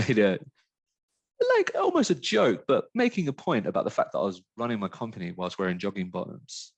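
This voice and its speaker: A man's voice: low-pitched, no room sound. A man from the UK, a mindfulness teacher, talking through his thoughts in a webinar in an earnest, searching way with many fillers and restarts. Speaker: mindfulness teacher, company founder. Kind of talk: reflective webinar conversation.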